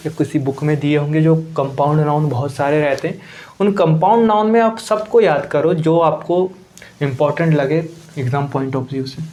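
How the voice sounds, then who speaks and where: High-voiced man teaching exam grammar. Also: warm tone. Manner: explains step by step, repeats key words, asks students questions. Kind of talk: Hindi-English exam-prep grammar lecture.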